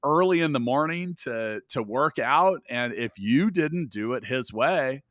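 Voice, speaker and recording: A man co-hosting a casual podcast discussion, talking emphatically with blunt profanity and animated asides. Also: medium pitch, unhurried, dry recording, clean studio sound. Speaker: podcast co-host.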